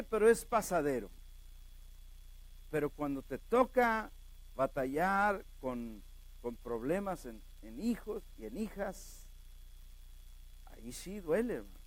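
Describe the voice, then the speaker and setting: A male pastor, preaching a sermon with animated storytelling and questions to the congregation. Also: high-pitched, slow pace, pauses often, no echo.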